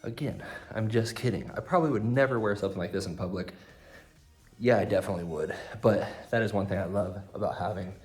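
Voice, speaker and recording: A man's voice: on the low side, fast talker, darkish tone, soft background music. A man talking to camera in his home garage gym, giving fitness and training tips with joking asides, a little out of breath. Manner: joking, self-deprecating asides. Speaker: fitness content creator. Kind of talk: casual vlog tips to camera.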